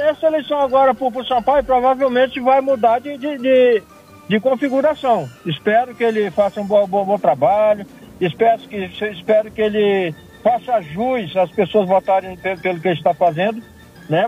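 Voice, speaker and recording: Halting male caller on a muffled line. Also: high voice, husky. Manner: halting, repeats words, insistent. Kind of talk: radio call-in.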